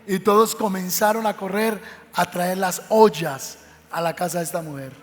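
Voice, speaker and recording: Man preaching, Medellín accent, high voice, storytelling, long church-hall reverb. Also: normal speed. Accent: Colombian Spanish, Medellín. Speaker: pastor. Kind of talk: sermon.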